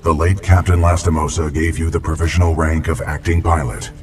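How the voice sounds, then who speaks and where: An actor playing a calm, formal male war robot in a video game, low on power and restarting his systems, reporting in a measured, precise way. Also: recorded from a distance, music in the background.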